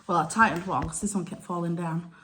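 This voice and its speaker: A woman's voice: on the low side, fairly even intonation, quick pace, bright, forceful tone, slight background noise. A woman, chatting frankly and self-deprecatingly in a casual vlog recorded on a phone held at arm's length. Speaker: vlogger.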